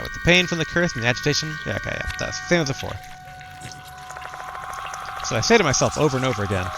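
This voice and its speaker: A man's voice: a little high, low-quality recording. A man doing casual video game commentary, talking to himself in repeated short phrases and reading game text aloud.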